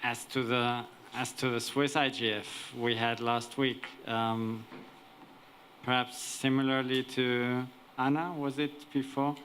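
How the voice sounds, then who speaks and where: A man giving unscripted remarks as a conference participant, deliberately searching for his phrasing. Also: medium pitch, little pitch movement, a bit bright, slight background noise. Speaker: conference participant, event organizer.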